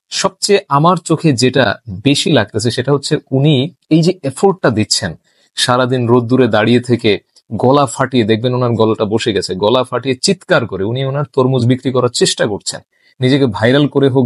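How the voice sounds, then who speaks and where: A man's voice: medium pitch, dry recording, studio quality. A man giving earnest, sympathetic voice-over commentary in long, listing sentences. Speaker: vlogger commentator.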